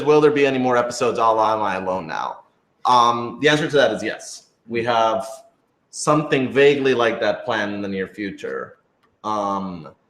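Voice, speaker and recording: A radio drama creator fields fan questions on a casual panel, thinking out loud and rephrasing as he goes. His voice sits lowish with a fairly bright tone. The room sounds roomy and echoey.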